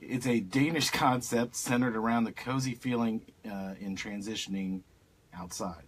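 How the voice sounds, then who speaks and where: A man's voice: lowish voice, steady tone, normal speed, slightly rough. A man hosting a garden radio show who asks his guest chatty questions in a casual way.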